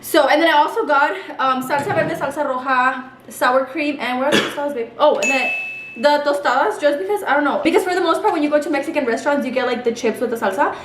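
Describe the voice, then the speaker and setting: A woman's voice: high voice, fast talker, reverberant, noisy background. A young woman from El Paso chatting casually on her vlog over a meal, slipping Spanish words into her English. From El Paso, Texas. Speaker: beauty vlogger. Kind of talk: casual chat during a mukbang. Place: home room set up as a small studio.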